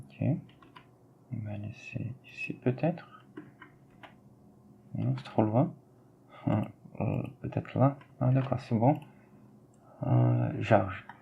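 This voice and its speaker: A man teaching a French lesson, slowly and patiently repeating words for his students. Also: lowish voice, fairly even intonation, vocal fry, breathy edge, dull audio. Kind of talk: classroom explanation while writing on screen.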